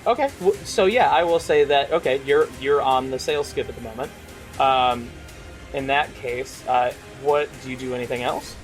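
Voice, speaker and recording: A man's voice: mid-range voice, normal speed, soft background music. Laid-back male dungeon master. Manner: loose, chatty, frequent fillers and laughs. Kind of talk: narrating a tabletop game.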